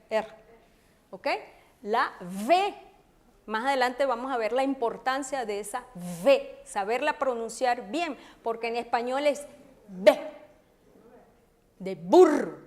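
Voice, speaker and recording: A woman teaching a language lesson to an audience at a book launch, spelling out letters and repeating each word. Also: on the high side. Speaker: teacher and author. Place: event room with an audience.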